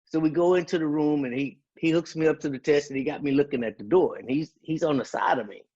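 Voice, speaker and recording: This fairly high, fast male voice is a little mellow and husky, captured on dull audio. As a guest speaker, he tells his personal story with emotion and earnest conviction, quoting what people said.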